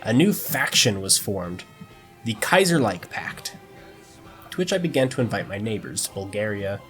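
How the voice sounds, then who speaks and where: A man's voice: fairly low pitch, sing-song, normal speed, a bit bright, soft background music. A man narrating a strategy game campaign in a mock-dramatic storytelling tone, breaking it with dry joking asides.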